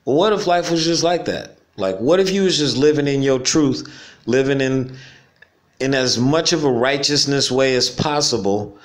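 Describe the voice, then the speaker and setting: A man's voice: medium pitch, normal speed. A man, talking casually and reflectively in a slangy, unscripted monologue for his vlog, chuckling often. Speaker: vlogger. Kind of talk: casual stream-of-consciousness monologue. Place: home in the Caribbean.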